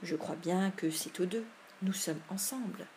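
A woman's voice: fairly low pitch, unhurried, darkish tone, a little hiss or hum. A woman voicing a bold but superstitious young boy in an audiobook, talking urgently and sometimes dropping to a whisper. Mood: hushed fear. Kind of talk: audiobook character voice.

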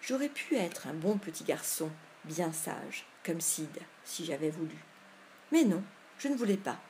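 An eager, superstitious young boy, the ringleader of his friend, as a woman reader puts him on. He talks with breathless urgency and often drops to a hushed whisper. The voice sits a little low and soft. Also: very animated, a little slow, a little hiss or hum. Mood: remorseful. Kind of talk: audiobook character voice.

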